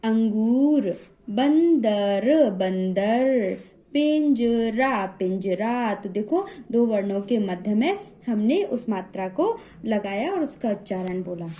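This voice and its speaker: Slow, soft-toned woman teaching reading. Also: medium pitch, expressive. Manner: patient, stretches out example words and repeats them, frequent "okay?" check-ins. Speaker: Hindi teacher. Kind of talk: classroom-style reading lesson.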